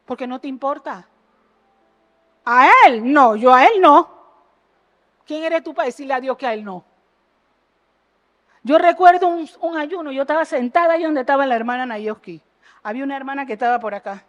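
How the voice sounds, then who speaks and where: A woman preaching an impassioned sermon in a church, jumping between loud exhortation and low earnest asides and firing rhetorical questions at the congregation. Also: normal speed, pauses often, muffled recording. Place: church sanctuary.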